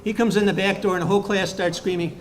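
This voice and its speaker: A man telling stories and jokes at a tribute roast, with quick asides to the crowd. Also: high voice, fairly even intonation. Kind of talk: stand-up style joke telling at a tribute. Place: bar event room.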